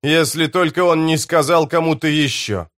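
A man doing a fierce young warrior, raised voice, blunt and forceful, dry close recording. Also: a little high, moderate pace, no echo, voice pushed up, natural voice.

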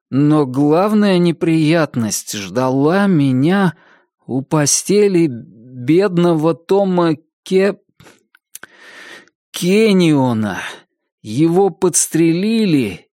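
A cheerful young male student, played by a male narrator, who stumbles slowly through a cheap novel and begs to be let off. His voice sits well above the reader's own and drags word by word. The delivery is lively and wheedling. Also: fairly high pitch, no room sound, clean studio sound, pitched above the performer's own voice. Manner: slow stumbling reading aloud.

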